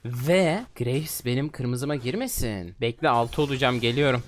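A man in his twenties giving excitable, trash-talking commentary on his own gameplay. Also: medium pitch, unhurried, a little hiss or hum. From Turkey. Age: 20s. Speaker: gaming streamer.

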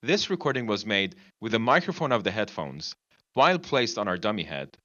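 A man's voice: lowish voice, very animated, a little fast, sharp tone, highs cut off. A man reading a scripted microphone test, his voice played from a dummy head's mouth speaker and picked up by a headset microphone. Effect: voice played from a dummy head's mouth speaker, recorded through a headset mic. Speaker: headphone reviewer.

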